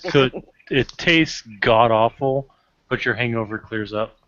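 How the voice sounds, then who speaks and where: A man acting as game master, talking in a deliberate way and checking rules aloud. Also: mid-range voice, a bit bright, lo-fi sound, a little hiss or hum. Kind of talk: narrating a tabletop game.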